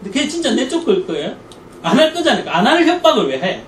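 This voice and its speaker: A man giving a church parenting lecture, telling anecdotes in an animated way and acting out the people he quotes. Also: very high-pitched, quick pace. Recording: echoey room, distant mic, faint noise.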